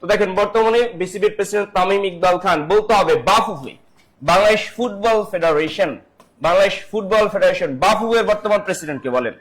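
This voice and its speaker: A man with a Bangladeshi accent teaches an online exam-prep class. His voice sits high. He fires questions at listeners and repeats each answer. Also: fast, fairly bright tone. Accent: Bangladeshi Bengali.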